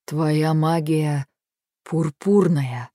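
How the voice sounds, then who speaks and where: A woman voicing an intense male warrior lover in an audiobook, speaking in a low, even manner. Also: moderate pace, no room sound, studio quality.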